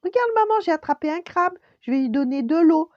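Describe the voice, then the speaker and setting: A woman voicing a bratty little boy, shrill and shouting. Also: expressive, brisk, no room sound, lo-fi sound. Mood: excited. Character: bratty small boy on a beach.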